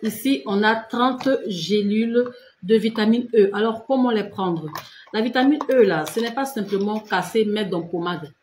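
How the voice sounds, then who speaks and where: A woman's voice: medium pitch, moderate pace, a little mellow, roomy sound, slight background noise. A woman giving casual, insistent skincare and diet advice on a live stream, repeating herself and talking straight to her viewers. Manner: repetitive, direct, addresses viewers as tu and vous.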